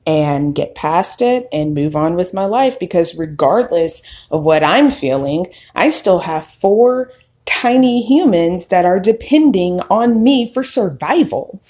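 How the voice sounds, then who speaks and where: Slow, reflective woman in her thirties. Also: lowish voice, lively intonation. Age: 30s. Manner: slow, reflective, candid with occasional soft laughs. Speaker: podcast host. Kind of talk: personal storytelling monologue.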